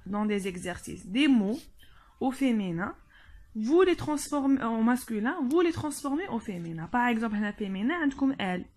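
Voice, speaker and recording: A fairly high-pitched woman teaches children French grammar. She slips between French and Arabic, spells words out slowly letter by letter, and keeps asking whether they follow. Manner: repeats "d'accord, les enfants?" to check in. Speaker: primary school teacher.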